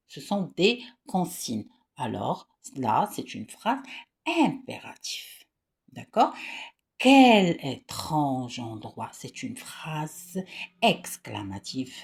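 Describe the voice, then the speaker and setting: Female teacher, slow and patient, lively rises in pitch, repeats and checks in with pupils. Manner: patient, repeats key points and checks with "d'accord?"; raises her voice when reading questions aloud. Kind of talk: grammar lesson for children.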